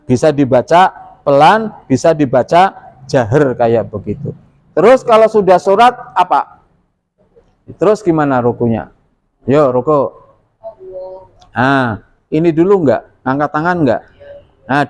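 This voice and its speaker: A man's voice: on the high side, darkish tone. A middle-aged man teaching pupils how to pray, explaining step by step and asking them questions. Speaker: religious teacher. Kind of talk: classroom prayer instruction. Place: school classroom.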